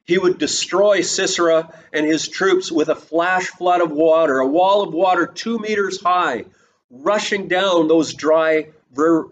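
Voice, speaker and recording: A pastor preaching a sermon and retelling the story, breaking into quick voiced lines for its people. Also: male voice, on the high side. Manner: retells the story and quotes its people in lively snatches of voice. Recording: slightly dull recording with faint hiss.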